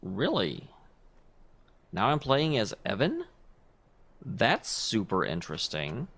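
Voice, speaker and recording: A man's voice: fairly low pitch, wildly swooping pitch, takes it slowly, fairly bright tone, husky. A man hosting a let's play, giving casual, rambling gaming commentary with speculative and self-deprecating asides. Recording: faint game music behind.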